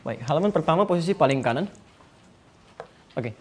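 Fast-talking man teaching a religious class. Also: fairly high pitch, animated, slightly rough. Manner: conversational, asks the audience questions and addresses them directly. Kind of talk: religious study lecture. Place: lecture hall with live audience.

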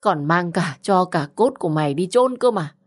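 A woman voicing a fussy middle-aged aunt who scolds in a shrill, rapid voice. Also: a little mellow, close to an everyday voice. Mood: scolding.

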